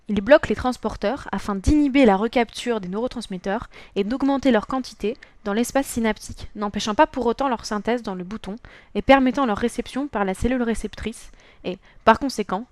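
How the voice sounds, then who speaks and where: Reading a scripted school presentation with care and evenness, a teenage student presenter from France speaks in a slightly high voice with a darkish tone. The recording has no echo.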